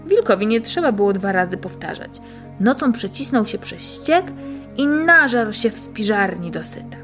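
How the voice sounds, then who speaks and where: A woman reading a fairy tale aloud and then reflecting on it in a calm, measured, gently instructive way. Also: medium pitch, faint music behind. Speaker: storyteller and spiritual teacher.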